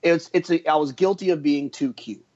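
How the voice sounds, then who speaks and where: A man co-hosting a horse racing podcast, telling a story with energy and lots of quick restarts. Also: a little high, lo-fi sound. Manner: animated storyteller with frequent restarts. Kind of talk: casual podcast chat.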